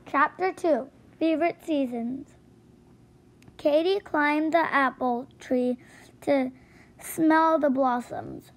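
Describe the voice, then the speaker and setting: A woman's voice: sits high, takes it slowly, low-quality recording. A woman reading a children's book aloud, carefully, with occasional slips and restarts. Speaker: storybook reader.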